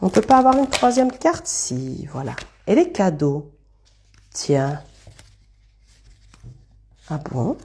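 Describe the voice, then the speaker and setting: A woman with a mellow, warm voice gives a relaxed card reading on a live stream. She talks loosely and thinks out loud, breaking off to greet viewers by name. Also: fairly low pitch, takes it slowly, long pauses, slight background noise.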